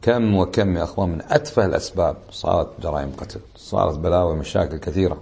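A man with a Kuwaiti Arabic accent, a sheikh teaching a religious lesson in a lively storytelling way, acting out the people he quotes. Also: low voice, very fast, vocal fry, breathy edge.

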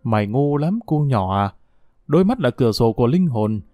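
Give me a man reading a boastful young male student who fancies himself a ladies' man, talking down to a younger friend in a mellow tone. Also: medium pitch, very animated, normal speed, dry recording, studio quality, soft background music, natural voice. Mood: smug. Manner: smug, lecturing a younger friend.

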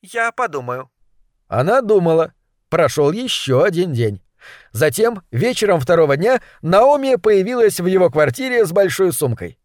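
A man reads a story aloud in a measured, even way, with a voice set a little high for a man. The sound is dry and close, with no room around it. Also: no echo. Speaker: narrator. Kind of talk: audiobook story reading.

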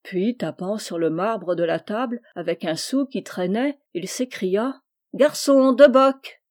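A woman narrating a classic short story in a measured, expressive literary reading. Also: fairly low pitch.

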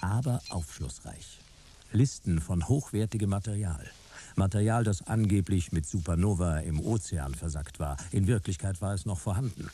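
Playing the wry male narrator of a detective radio drama, an actor delivers scripted lines dry, clipped and deadpan. His voice is deep and husky, at a moderate pace.

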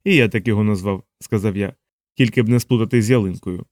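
A man narrating a science fiction audiobook in a measured storytelling voice. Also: lowish voice, darkish tone, dry recording, clean studio sound.

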